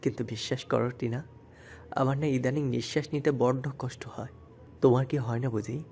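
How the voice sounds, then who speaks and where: A man's voice: medium pitch, fairly even intonation, moderate pace, mellow, a little hiss or hum, natural voice. A man playing a heartbroken young former lover, speaking in a mournful, pleading way in an audio story. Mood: grieving. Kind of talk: Bengali audio story acting.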